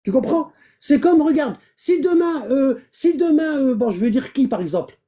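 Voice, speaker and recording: A man's voice: very high-pitched, lively intonation, normal speed, warm tone. A man hosting a live online debate, arguing and repeating himself. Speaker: live stream host.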